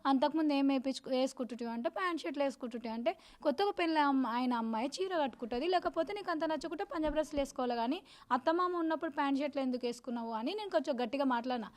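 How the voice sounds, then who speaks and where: Woman, high and rapid, aggrieved sister giving a news interview, keeps restarting words. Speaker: sister of the missing man.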